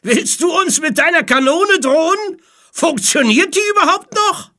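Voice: extremely high pitch, lively intonation, a little slow, bright, forceful tone, voice pushed up, full character voice. A storyteller voicing a mocking sailor on a merchant ship who taunts the pirates sarcastically, in a storybook reading. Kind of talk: storybook read-aloud.

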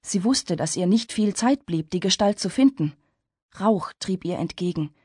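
A woman's voice: fairly low pitch, lively intonation, normal speed, dark tone, slightly rough, no room sound. Woman narrating a story, dry close sound. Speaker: audiobook narrator. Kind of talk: scripted narration.

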